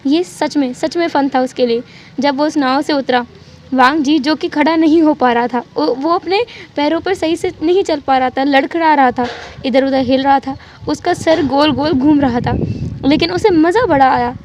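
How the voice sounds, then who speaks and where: A woman telling a fan fiction story in an animated, dramatic way. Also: sits high, normal speed, a little hiss or hum. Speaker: channel storyteller.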